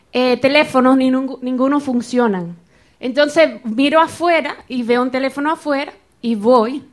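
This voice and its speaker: A high-pitched woman shares a personal story before a church group. She acts out each quoted exchange with lively vocal shifts, in an animated storytelling manner. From Florida, United States. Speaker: church member sharing a testimony.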